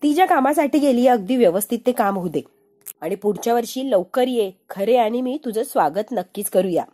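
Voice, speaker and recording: A woman's voice: fairly high pitch, lively intonation, fairly quick, dark tone. A woman reading a proud young husband. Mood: prayerful.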